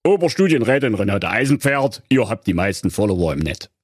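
Male narrator as a deadpan talking tablet that answers like a mirror. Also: on the low side, brisk, husky, dry recording, studio quality. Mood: flat. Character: talking tablet app playing the magic mirror.

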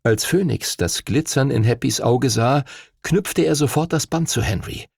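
A man narrating an audiobook in a calm, measured storytelling manner. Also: mid-range voice, gravelly, husky, dry recording, clean studio sound. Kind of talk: scripted narration.

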